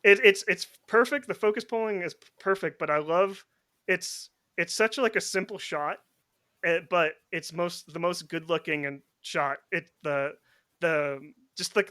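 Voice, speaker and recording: Bright, chatty film podcast host. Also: male voice, on the high side, dry recording, studio quality. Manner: rambling, many restarts and "like" fillers. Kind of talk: casual film discussion.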